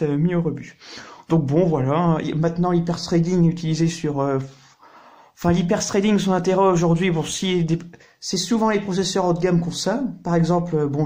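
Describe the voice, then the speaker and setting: Chatty man with a higher voice. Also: warm tone. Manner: chatty, with frequent "voilà" and "hein" fillers, explaining through everyday comparisons. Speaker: computer hardware tutorial host. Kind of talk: casual hands-on tutorial.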